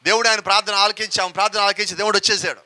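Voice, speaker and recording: High bright-voiced preacher guy, keeps asking the crowd questions. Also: steady tone, rapid-fire. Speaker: pastor. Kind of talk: sermon.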